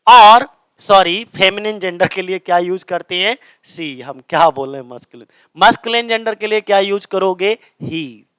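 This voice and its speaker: A male teacher explains grammar in Hindi, repeatedly asking questions and answering them himself while repeating key words. His high-pitched voice is clear, resonant, and a bit bright, at a moderate pace with no room sound.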